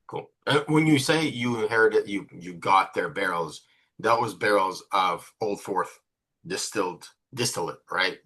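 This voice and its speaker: A man hosting a tasting, asking curious questions with halting restarts. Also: on the low side, pushed and bright, slightly rough, low-quality recording. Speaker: tasting host. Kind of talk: casual tasting talk.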